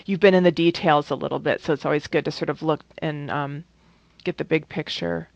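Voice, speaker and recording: A woman's voice: low-pitched, steady tone, brisk, vocal fry, no room sound. A woman presenting a training workshop in a conversational way, with many fillers and restarts. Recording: dull, dry lo-fi recording.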